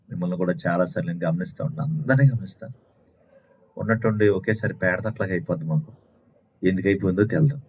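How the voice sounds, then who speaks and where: A man's voice: deep voice, darkish tone, a little hiss or hum. A man preaching a sermon at a Sunday house meeting, telling stories and asking rhetorical questions with lots of repetition. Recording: dull lo-fi recording.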